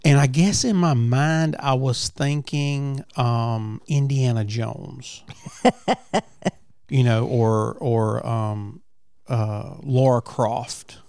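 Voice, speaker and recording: Casual male host on a farm, creaky low-key talker, dry sound, folksy and halting. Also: steady tone, darkish tone, no room sound. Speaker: podcast host. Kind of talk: casual chat. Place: at a family farm.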